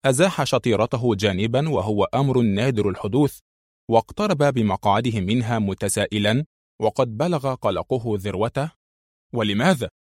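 A man giving expressive audiobook narration of a spy thriller. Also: lowish voice, moderate pace, dry recording, clean studio sound. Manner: expressive, acts each voice.

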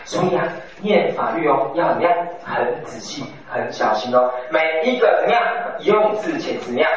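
A man's voice: medium pitch, a bit bright, distant mic. Man lecturing in an echoey classroom. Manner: drills with repeated rhetorical questions and "哦". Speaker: law exam tutor. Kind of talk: exam-prep lecture. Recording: echoey dull classroom recording from afar.

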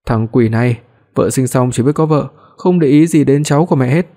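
Một người đàn ông đọc lời của một bà mẹ trung niên hay trách mắng con trai. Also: male voice, mid-range voice, fairly quick, dark tone, natural voice. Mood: scolding. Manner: scolding, fussing. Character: scolding middle-aged mother.

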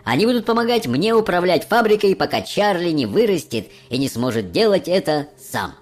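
Man doing an excitable eccentric factory owner. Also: high-pitched, voice pushed up. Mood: brisk. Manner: brisk, cheerful, exclamatory. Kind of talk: audiobook character voice.

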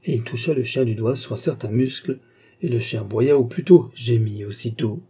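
A man narrating a classic novel as an audiobook in a steady, measured way. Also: medium pitch, slightly rough.

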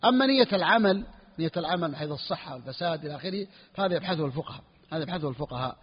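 Sheikh lecturing on jurisprudence: quick, husky male voice, repeats himself, dull recording in a reverberant hall. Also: a little high, animated. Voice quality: husky, clears throat often. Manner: repeats phrases, asks students "clear or not?". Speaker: sheikh teaching Hanbali jurisprudence. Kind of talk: classroom lesson explaining a fiqh text.

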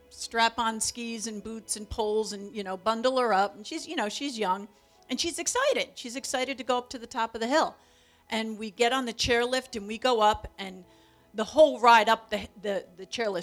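A middle-aged woman telling a long story about her daughter in a lively, animated way, acting out quotes. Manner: animated, acts out quotes with big pitch jumps. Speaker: co-speaker, mother of the other speaker. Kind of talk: storytelling talk.

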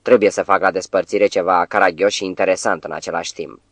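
A man's voice: sits low, steady tone, dry recording, close to an everyday voice. A man reading as an exultant new witch. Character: exultant young woman turned witch.

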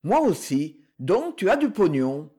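A reader voicing a gruff, hostile old man in a wheelchair, snapping and sneering. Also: mid-range voice, very animated, a little slow, warm tone. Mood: surly. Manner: surly, snapping.

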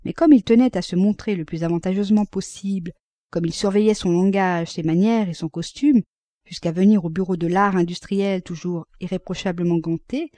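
Warm-voiced woman reading a novel. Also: on the low side, fairly quick, no room sound. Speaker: audiobook narrator. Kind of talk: scripted narration of a classic novel.

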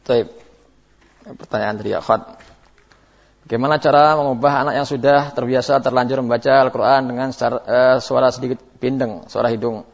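A man's voice: mid-range voice, steady tone, moderate pace, gravelly. A man teaching Quranic recitation rules, modeling sounds and repeating them to correct listeners while answering questions. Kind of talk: tajwid lesson answering questions. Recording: muffled lo-fi 2000s lecture tape.

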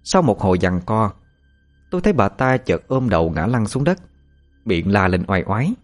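A man narrating a spooky story in an expressive, dramatic way. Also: on the low side, normal speed, soft background music. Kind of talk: narrated audio horror story.

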